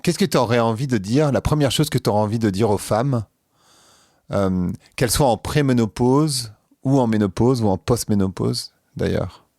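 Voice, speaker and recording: A man's voice: medium pitch, normal speed, a little mellow, dry recording, studio quality. A man hosting a podcast, speaking conversationally as he introduces and interviews a guest. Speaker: podcast host.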